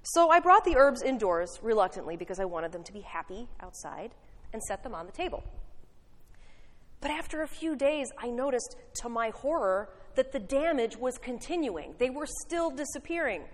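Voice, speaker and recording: A woman pastor giving a sermon, telling a story in an animated, wry way. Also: high-pitched, moderate pace, long reverb tail.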